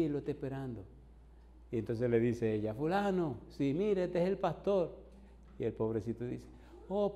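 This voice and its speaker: A man's voice: medium pitch, dark tone, a little hiss or hum. A man preaching as a pastor, telling a long story and acting out the dialogue, in a church hall before an audience. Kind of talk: storytelling sermon.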